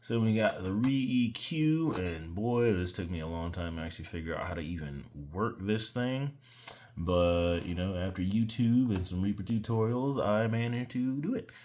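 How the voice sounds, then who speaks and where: A man with a very deep voice talks through his own mixing session in a loose, offhand way. He rambles, drifts off topic now and then, and makes fun of his own skills. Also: moderate pace, darkish tone. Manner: rambling, self-deprecating, digresses. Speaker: musician walking through his own mix. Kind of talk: casual screen-share tutorial.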